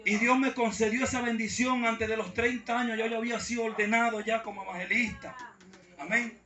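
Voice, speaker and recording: A man's voice: very high-pitched, fairly even intonation, brisk, bright, forceful tone. A man, a pastor preaching a sermon and calling out again and again to the congregation. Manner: preaching with repeated call-outs to the congregation. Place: church. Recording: echoey church hall from far off.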